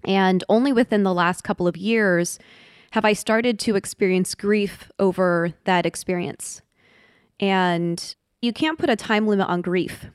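A woman's voice: mid-range voice, clear, resonant tone, dry recording, clean studio sound. A woman in her thirties from the United States, speaking as a podcast guest in a reflective, candid way. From Washington, D.C., United States. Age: 30s. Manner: thoughtful, candid, slows down on heavy points. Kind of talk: reflective interview conversation.

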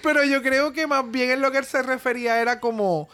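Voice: high voice, steady tone, brisk, fairly bright tone. A co-host of a casual podcast, playful, mixing Spanish and English.

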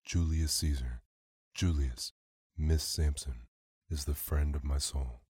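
A man's voice: rumbling low, fairly even intonation, slow, a little mellow, husky, dry recording, studio quality, heavily acted. A man doing a raving drunk in rags. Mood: maudlin.

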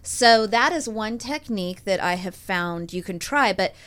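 A woman's voice: medium pitch, animated, unhurried, fairly bright tone, clean tone. A woman on a talk show panel chatting frankly and asking earnest questions. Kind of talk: casual panel chat.

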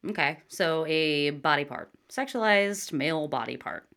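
Lively-voiced woman chatting casually. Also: sits low, moderate pace. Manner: chatty, thinks aloud with many fillers. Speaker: co-host. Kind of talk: casual chat.

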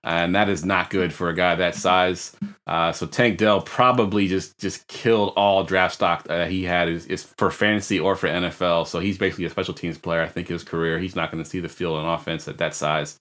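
A man hosting a casual sports podcast, running the segments and prompting his co-hosts. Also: deep voice. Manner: relaxed, leads segments with quick prompts. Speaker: podcast host.

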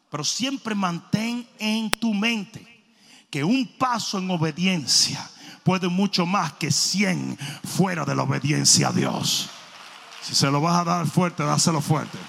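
A man preaching a sermon, telling stories animatedly, shouting for emphasis and repeating phrases. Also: high-pitched, gravelly. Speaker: pastor. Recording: long reverb of a large hall.

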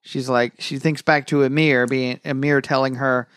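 A man co-hosting a casual podcast, trading deadpan jokes while reviewing an anime episode. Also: medium pitch, normal speed, clean tone, no room sound, clean studio sound. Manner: joking, deadpan asides. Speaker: podcast co-host.

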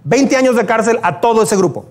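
A man preaches, and his voice sits unusually high for a man. He tells stories and slips into the prayers and cries of the people in them. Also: expressive, brisk. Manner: storytelling preacher, acts out quoted prayers. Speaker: pastor. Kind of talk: sermon.

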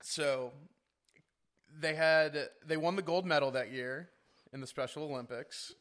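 Bright-voiced joking young man. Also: fairly high pitch. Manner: joking, quick interjections. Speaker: podcast co-host. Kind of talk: casual chat.

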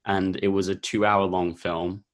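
A man's voice: low voice, flat delivery, a little slow. A young man chatting casually about films, rambling with lots of filler words. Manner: rambling, laid-back, heavy use of filler words.

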